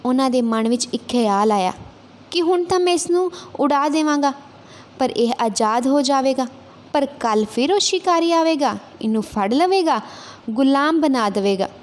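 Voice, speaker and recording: A woman telling a religious moral story in a steady, clear narrating voice. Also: sits high, normal speed.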